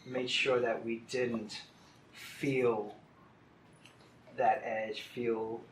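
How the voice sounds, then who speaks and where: A middle-aged man from Puerto Rico, a salsa singer, talking about his life in a relaxed, reflective interview. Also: mid-range voice, extremely slow, echoey room, a little hiss or hum, rough recording. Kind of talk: casual interview. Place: outdoors in the city.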